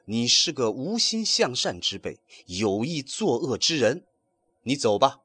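A man voicing a stern, weary male Buddhist monk who speaks in low, curt scolding tones. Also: very animated, a little slow, sharp tone, breathy edge, dry recording, heavily acted.

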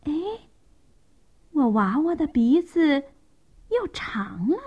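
A woman's voice: high voice, lively intonation, slow pace, dark tone, lo-fi sound, pitched above the performer's own voice, exaggerated voice. A woman voicing a worried mother elephant in a children's story, anxiously scolding.

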